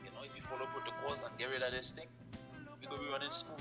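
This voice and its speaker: A man's voice: mid-range voice, fairly even intonation, racing, gravelly, rough recording. A Trinidadian man, a guest on an online chat, talks casually and earnestly about love and staying positive, repeating his phrases. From Trinidad and Tobago. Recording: loud music behind.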